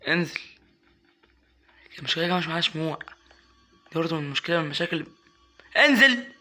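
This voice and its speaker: Fast, bright-voiced Egyptian gamer. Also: male voice, on the high side, faint music behind. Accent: Egyptian Arabic. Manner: chatty, coaxing and scolding his in-game pet, flaring into excited yelps. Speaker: gaming YouTuber. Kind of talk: casual gameplay commentary.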